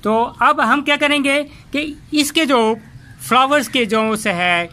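A man hosting a casual gardening tutorial in his home garden, talking in a halting way with many fillers and restarts. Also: very high voice, animated, bright, forceful tone. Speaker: gardening channel host.

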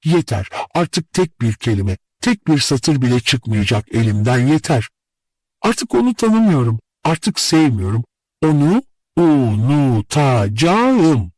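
A man's voice: a little high, expressive, measured pace, a little mellow, dry recording, voice pushed up, low-quality recording. A man voicing a heartbroken pleading young woman. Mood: bitter. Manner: tearful, pleading, breathless questions. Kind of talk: audiobook character reading.

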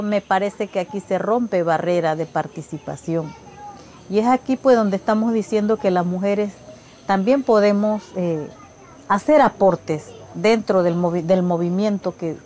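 A woman gives interview commentary in a hesitant way, often breaking off and restarting her phrases. Her pitch is ordinary, with faint noise behind her. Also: darkish tone.

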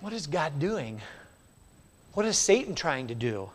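A male pastor with a high, light voice works through scripture in a sermon, shifting from quiet, low asides to raised, emphatic points. His voice carries a long reverb from the church sanctuary around him. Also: very animated, a little slow. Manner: expository preaching, swinging between hushed low lines and raised emphatic ones.

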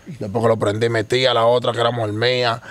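A man's voice: medium pitch, little pitch movement, a bit bright. A man, a guest rambling through stories in street slang during a casual interview. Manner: rapid, rambling storytelling with slang.

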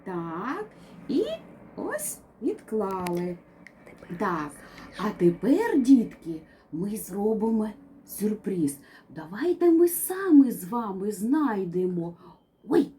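A woman's voice: medium pitch, very animated, slow pace, dark tone, a little hiss or hum. A woman teaching small children through a game, coaxing and sing-song, with playful exclamations and chanted rhymes, asking them to repeat words after her. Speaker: preschool teacher. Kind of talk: children's educational game video.

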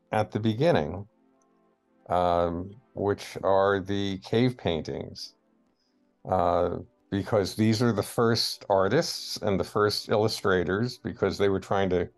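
Male lecturer, very low and unhurried, halting delivery, faint music bed. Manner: slow and hesitant, many fillers. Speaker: guest lecturer. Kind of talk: lecture with slides.

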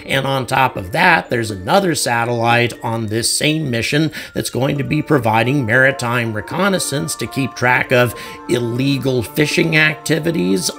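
A man's voice: mid-range voice, animated, unhurried, vocal fry, fairly bright tone, soft background music. An American man hosting street interviews and narrating his own commentary in an earnest, explanatory way. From United States. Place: city street outdoors. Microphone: handheld mic.

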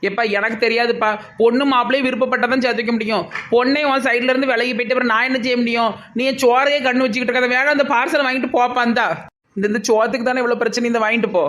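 Man doing a cartoon village guy, high voice, quick, Tirunelveli Tamil accent, defensive. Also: fairly even intonation, a bit bright. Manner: defensive, nervous.

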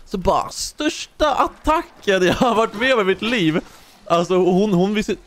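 Chatty young man narrating his gameplay. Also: sits high. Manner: chatty, slangy, excitable storytelling. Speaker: gaming YouTuber. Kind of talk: casual let's-play commentary.

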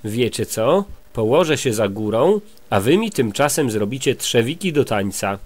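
Olbrzym, a slow giant, as a man reads him. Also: mid-range voice, sing-song, no echo. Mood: slow booming. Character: huge clumsy male giant, booming from the clouds. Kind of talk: storybook read-aloud.

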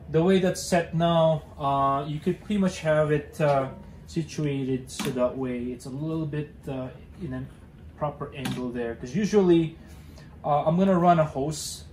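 A man's voice: on the high side, a little mellow, reverberant, a little hiss or hum. A young man hosting a casual how-to demonstration, talking hesitantly with many fillers and restarts while he works with his hands in a cluttered garage. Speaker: DIY car channel host.

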